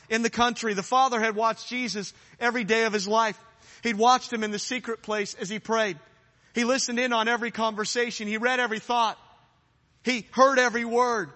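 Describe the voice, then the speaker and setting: A man's voice: sits high, sharp tone. A man preaching a sermon, urgent and rising to fervent challenges at times. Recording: long hall reverb.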